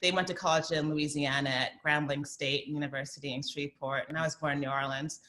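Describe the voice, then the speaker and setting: Speaking low and steady, a Southern woman in her thirties addresses a community forum as a guest and answers questions. Her tone is pushed and bright. She thinks things through aloud, with frequent fillers and quick bursts of speech.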